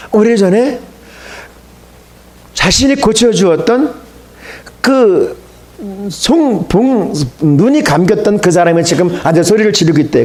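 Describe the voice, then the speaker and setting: A man's voice: high-pitched, a little mellow. A man pastor preaching a sermon, telling a story in a colloquial way and addressing the congregation.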